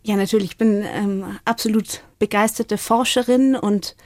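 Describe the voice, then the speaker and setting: A woman's voice: medium pitch, fairly even intonation, normal speed, dry recording. A middle-aged woman, a researcher explaining her work in a podcast interview in a thoughtful way. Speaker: guest, parrot and raven researcher.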